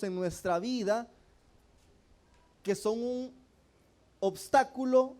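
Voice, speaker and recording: A man's voice: sits high, darkish tone. A man preaching a sermon in church, often turning to his congregation with questions and calling them brothers. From El Salvador.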